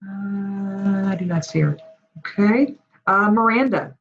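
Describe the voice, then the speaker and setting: Woman teacher running roll call on a video call, brisk, kinda muffled audio. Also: medium pitch. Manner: brisk, calling on students one by one. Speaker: course instructor. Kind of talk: online class roll call.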